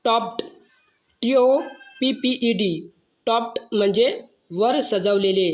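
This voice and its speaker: Teacher voice, very slow and deliberate, spells words out letter by letter, mid pitch. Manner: slow, measured, spells each word then gives its meaning.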